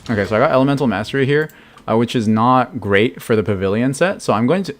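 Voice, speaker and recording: An expressive, quick-paced, mid-range voice: an American man in his thirties casually streaming a game, replying to his chat and laughing frequently.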